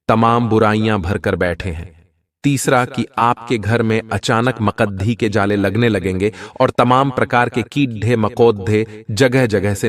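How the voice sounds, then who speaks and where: A man's voice: lowish voice, recorded from a distance. A man presenting astrology in scripted narration, speaking earnestly and straight to viewers as friends.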